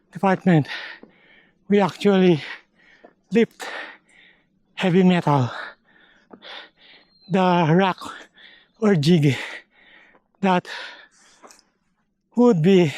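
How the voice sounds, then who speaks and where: Filipino guy vlogging his hike, slow halting talk, sometimes winded, dry mic. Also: high-pitched, dark tone, dry recording. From Philippines. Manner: slow, halting, explains step by step. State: out of breath at times. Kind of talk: casual hiking vlog. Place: outdoors on a forest trail.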